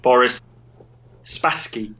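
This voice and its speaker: A man co-hosting a casual comedy chat over a call, excitable and sweary, with a voice that leaps up and down. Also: slow, lo-fi sound. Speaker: podcast co-host. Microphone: remote call.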